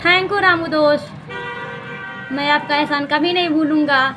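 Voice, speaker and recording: A man's voice: extremely high pitch, steady tone, normal speed. A woman voicing a sleepy, grumbling village dad. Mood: pleading. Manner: pleading, tired grumbling. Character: poor village father, sleepy and easygoing.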